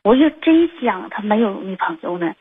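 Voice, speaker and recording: A woman's voice: mid-range voice, big pitch swings, normal speed, breathy edge. A woman, calling in and telling a personal story in a rambling way, full of fillers and restarts. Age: 20s. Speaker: caller. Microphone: phone. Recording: tinny phone line.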